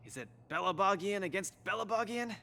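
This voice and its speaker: A man's voice: high-pitched, animated, a little fast, creaky, pushed and bright, a little hiss or hum, full character voice. A man voicing an earnest, spirited, good-natured young fighter in a video game. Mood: hurt, questioning.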